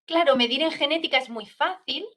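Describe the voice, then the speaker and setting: Brisk and sharp-toned, a high-pitched female pediatric neurologist talks students through a topic one step at a time. She frequently checks in with her listeners during this explanatory school talk.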